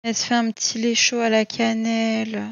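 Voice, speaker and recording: A woman's voice: on the high side, monotone, a little fast, vocal fry, no room sound. Chatty gushing woman, dull dry sound. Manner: chatty and gushing, frequent "euh" and repeats. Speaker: coloring book vlogger. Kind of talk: casual chat showing books.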